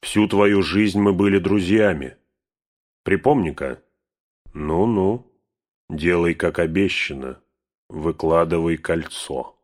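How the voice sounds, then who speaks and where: A man puts on an old male wizard for an audiobook, with a low, deep voice. He speaks in a measured, steady way, probing patiently. When crossed he grows stern and warning without losing control.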